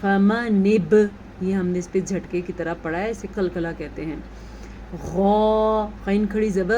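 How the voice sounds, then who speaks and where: A woman's voice: medium pitch, a little mellow, a little hiss or hum. Patient woman teaching tajweed recitation. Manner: explains rules patiently, then recites words slowly and drawn out. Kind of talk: tajweed lesson with slow recitation.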